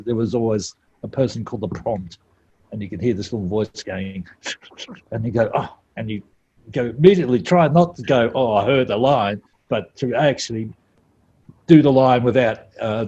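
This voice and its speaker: A man's voice: mid-range voice, a little mellow, husky, muffled recording. A man, a stage actor, chatting casually on a video call, rambling and self-deprecating with frequent laughs.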